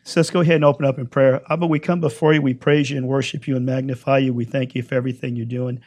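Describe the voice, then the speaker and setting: A man leading prayer and preaching a sermon, his voice hoarse while it recovers, given to emphatic repetition. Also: mid-range voice, level tone, rapid-fire, a little mellow. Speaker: congregation leader.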